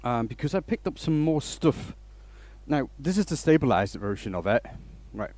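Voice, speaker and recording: A man's voice: mid-range voice, sing-song, moderate pace, a little mellow, dry recording. A man from Denmark hosting a casual woodturning livestream, rambling and restarting his sentences as he greets viewers. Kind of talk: casual live-stream chat while working.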